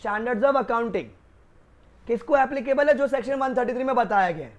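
Male law tutor, Rajasthani Hindi accent, high voice, chatty classroom storyteller. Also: expressive, very fast, highs cut off. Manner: chatty, joking, addresses students as kids. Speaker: law lecturer for accountancy students. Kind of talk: casual classroom lecture with stories. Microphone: new microphone.

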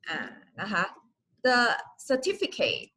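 A woman from Thailand giving a casual live English pronunciation lesson, patient and slow, repeating words, her voice a little hoarse. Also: on the high side, wildly swooping pitch, pushed and bright, slight background noise. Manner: patient, repeats words slowly with polite particles. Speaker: English teacher.

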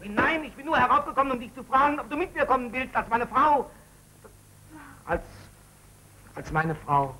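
A jealous, accusing suitor. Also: male voice, very high voice, lively intonation, normal speed, pauses often, pushed and bright, heavily acted, rough recording. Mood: earnest. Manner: sarcastic, accusing. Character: jealous young male suitor, bitter and accusing. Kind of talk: 1939 film drama acting.

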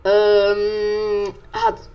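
A woman giving let's play commentary on a racing game, excitable and often shrieking at crashes, talking loudly into a poor microphone. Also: mid-range voice, dull audio. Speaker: gamer. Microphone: poor gaming mic, speaking loudly into it. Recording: distant mic with faint noise.

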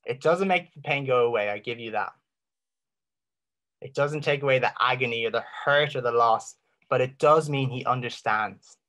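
A man's voice: medium pitch, a bit bright. Irish man giving an earnest faith talk. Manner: rhetorical questions with dramatic pauses, rising and falling intensity. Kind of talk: apologetic talk.

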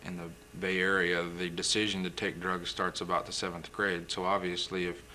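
A young man with a low voice and a bright, forceful edge explains things in a steady, measured way as a studio interview guest. A faint hiss of old TV film sits under his voice. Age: young adult. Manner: measured, explanatory, occasional throat-clearing. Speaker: physician guest. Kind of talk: interview answers.

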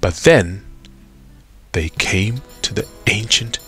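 Male storyteller, very low voice, lively animated delivery, unhurried pace. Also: faint music behind. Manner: expressive, dramatic pauses. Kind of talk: children's storybook read-aloud.

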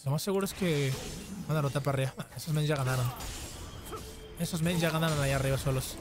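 A man giving casual, excitable gameplay commentary, often taunting opponents in a sing-song voice. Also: fairly high pitch, quick pace. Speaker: gaming streamer. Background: background music.

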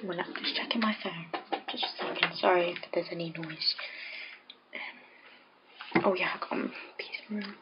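A woman's voice: lowish voice, fairly even intonation, moderate pace, long pauses. A young English woman giving casual, self-deprecating commentary while playing a game at home, talking to herself. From England. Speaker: let's play gamer. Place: home room. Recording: dull lo-fi mic with clear noise.

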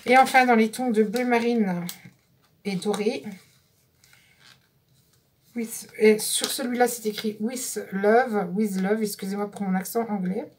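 Casting note: chatty woman vlogger, slightly high voice, faint background hiss, self-correcting as she shows off items. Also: moderate pace. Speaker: scrapbooking vlogger. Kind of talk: casual product haul.

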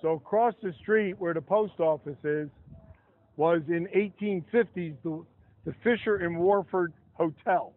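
A man's voice: high voice, a little slow. An older man leading an outdoor history walking tour, chatty and given to asides, reading from his notes by a roadside. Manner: chatty, asides and restarts while reading from papers. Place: roadside sidewalk outdoors beside traffic. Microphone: camera held close in the crowd. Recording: tinny phone-like outdoor audio.

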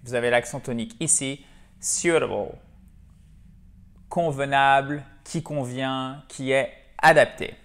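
A French-speaking man with a French accent and a mid-range voice teaches English in a chatty online lesson. He explains things in French and says the English examples slowly.

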